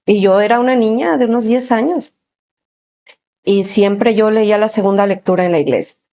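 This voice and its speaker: Appearing as an interview guest, a woman shares her personal faith testimony, telling it with lively energy, laughing often, and dotting her speech with small pauses. Her voice is mid-range.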